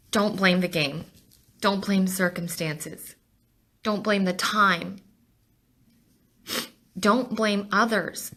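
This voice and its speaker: Young woman, bright voice, emotional motivational trainer, rapid rhetorical questions. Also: medium pitch. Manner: passionate, rhetorical questions, laughs and sighs. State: tearful, emotional. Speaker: motivational trainer for a sales team.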